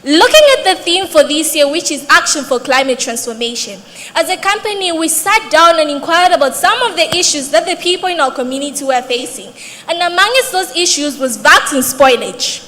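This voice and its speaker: A young woman with a Zambian accent speaks in a high, bright voice. She gives a formal, rehearsed pitch, and her words ring through a very reverberant hall. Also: expressive, moderate pace, slight background noise. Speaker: student company CEO presenting. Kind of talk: competition pitch speech.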